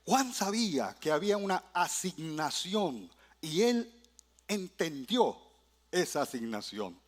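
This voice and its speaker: A man preaching a sermon in a church, swinging from loud exclamations to hushed, low phrases. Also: sing-song, takes it slowly.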